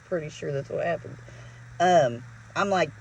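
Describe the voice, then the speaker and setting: Animated, cussing woman telling a story. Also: low-pitched, normal speed, husky, rough recording. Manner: profane, laughing, animated retelling. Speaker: vlogger. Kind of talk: casual storytelling.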